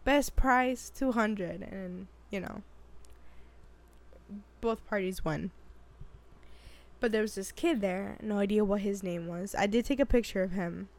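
A woman's voice: mid-range voice, a little slow, pauses often. A woman in her twenties telling a story in casual chat, acting out what people said and laughing often. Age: 20s. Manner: animated storytelling, acts out quotes, laughs often. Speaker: vlogger.

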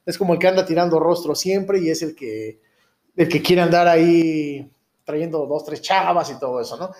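A man's voice: fairly high pitch, normal speed, a little mellow. A Mexican man in his thirties hosting a casual podcast, rambling in street slang and often checking for agreement. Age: 30s. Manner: rambling, keeps seeking agreement with tag questions. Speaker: podcast host.

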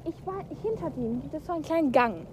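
A woman's voice: high-pitched, lively intonation, normal speed, a little mellow. A teenage girl chatting casually with a friend in a park and talking to her viewers, breathless and argumentative. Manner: breathless, arguing and addressing viewers. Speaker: vlogger. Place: outdoors in a park. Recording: phone recording with park noise.

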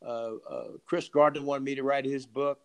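A man's voice: mid-range voice, fairly even intonation, normal speed, clean tone. An older man, an author and poet, telling stories in a casual interview, repeating himself and laughing often.

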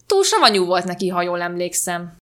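A woman reading aloud and voicing a cheerful, pushy young woman who talks eagerly and calls out loudly. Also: lowish voice, big pitch swings.

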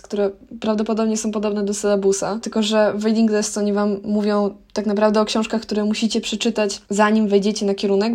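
A woman's voice: medium pitch, dark tone. A young woman, a university student, explaining things in a casual advice chat with many fillers. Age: young adult.

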